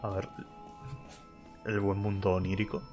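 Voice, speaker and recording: A man's voice: low voice, monotone, a little slow, music in the background. A man giving gameplay commentary in wry, offhand muttered asides. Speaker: let's play host.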